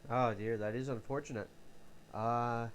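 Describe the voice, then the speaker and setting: A man's voice: mid-range voice, fairly even intonation, measured pace, a little hiss or hum. A man hosting a livestream, chatting casually with viewers and answering their messages into a headset mic. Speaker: livestream host.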